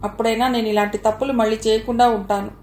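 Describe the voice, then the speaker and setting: A woman's voice: a little high, little pitch movement, fast talker, a little mellow, close to an everyday voice. A woman reading a remorseful young wife. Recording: roomy recording, faint hiss.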